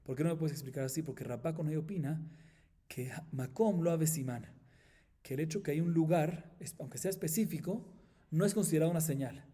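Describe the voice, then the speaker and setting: A man's voice: a little high, mellow, husky. A middle-aged man, a rabbi from Colombia, teaching a Talmud class step by step and checking in with his listeners often. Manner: explains step by step, asks "¿sí?" often, chants Aramaic quickly.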